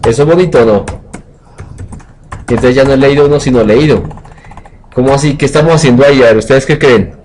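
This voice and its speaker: A man's voice: mid-range voice, a little fast, pauses often, a little mellow, slight background noise, rough recording. A man teaching programming in a live coding lecture, joking, colloquial and asking the class questions.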